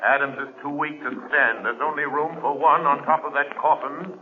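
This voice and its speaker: A man's voice: a little high, steady tone, close to an everyday voice. The Shadow, a man playing a stern vigilante. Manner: stern and measured, theatrical delivery. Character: grim, commanding male crime-fighting vigilante. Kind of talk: 1940s radio acting. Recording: scratchy, tinny old radio broadcast.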